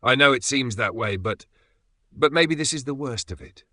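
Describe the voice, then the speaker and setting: A man's voice: low voice, big pitch swings, unhurried, a bit bright, slightly rough, no echo, full character voice. A man playing a shaky, remorseful teenage boy. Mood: nervous hopeful. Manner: shaky, hesitant and apologetic.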